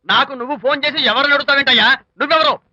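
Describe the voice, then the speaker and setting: A man's voice: very high-pitched, fast, pushed and bright, dry recording, heavily acted. A bossy, boastful film father. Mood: bickering. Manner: teasing, boastful banter. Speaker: comic film character, the bride's father. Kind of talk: Telugu film comedy acting. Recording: dull film soundtrack with music.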